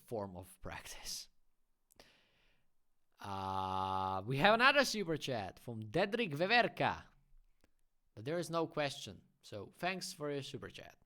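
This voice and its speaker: This graffiti artist, a non-native English speaker, runs a laid-back livestream Q&A where he talks openly about what he thinks. His medium-pitched voice sounds pushed and bright. He keeps things chatty and candid, tossing in friendly side comments.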